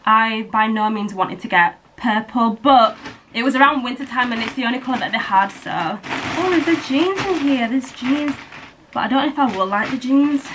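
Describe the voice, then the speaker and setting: Young female vlogger, slightly high voice, rambling, offhand chat to camera at home. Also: background noise. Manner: chatty, rambling, fond of "like" and "blah, blah, blah". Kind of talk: casual vlog chat to camera. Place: at home indoors.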